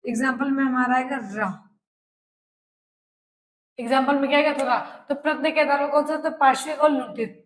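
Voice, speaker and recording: A woman teacher giving a lesson, repeating each phrase slowly for students to write down and answering her own questions. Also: high voice, steady tone. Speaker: Hindi teacher. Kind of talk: classroom lesson, dictating notes. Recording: echoey room.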